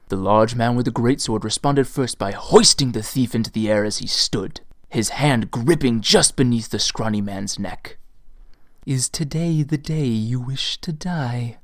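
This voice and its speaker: Measured male storyteller, dry close mic. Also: mid-range voice, no room sound. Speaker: author and narrator. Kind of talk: scripted novel narration. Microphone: USB desktop mic.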